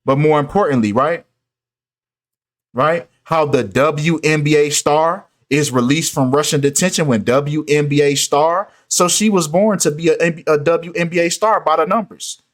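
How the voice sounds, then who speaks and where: A man talking in an animated, insistent way in a casual commentary video, often repeating "right?" and "come on, man". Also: fairly high pitch, normal speed.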